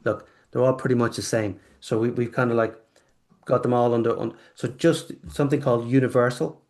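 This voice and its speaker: A man's voice: mid-range voice, steady tone, fairly quick, a little mellow. A man from the UK, a company guest in a casual interview, talking with many restarts and fillers. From United Kingdom.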